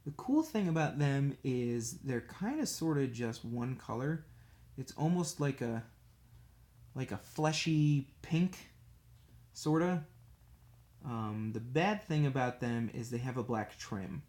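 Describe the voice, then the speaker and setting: A man's voice: mid-range voice, expressive, takes it slowly, a little mellow. A man casually chatting on a livestream while painting miniatures, rambling and self-deprecating as he works. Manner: talks absent-mindedly while working with a brush.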